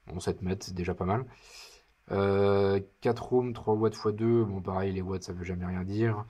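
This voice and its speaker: Low husky man unboxing gadgets. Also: steady tone, a little slow, mellow. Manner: chatty, hesitant, many fillers, wry asides. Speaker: product reviewer. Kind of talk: casual unboxing commentary. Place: living room.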